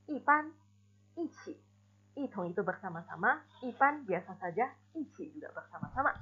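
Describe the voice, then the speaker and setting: A woman teaching a recorded Mandarin class, explaining slowly and modeling examples aloud. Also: mid-range voice, husky. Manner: slow, deliberate explanations with spoken examples. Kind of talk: recorded online class lesson. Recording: dull lo-fi recording.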